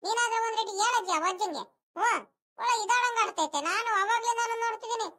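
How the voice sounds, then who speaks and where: A performer doing a cartoon schoolboy, whiny, sulky, very high bright voice, fast. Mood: whining. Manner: whiny complaining rural speech. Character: whiny sulking village schoolboy. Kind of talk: animated cartoon voice acting.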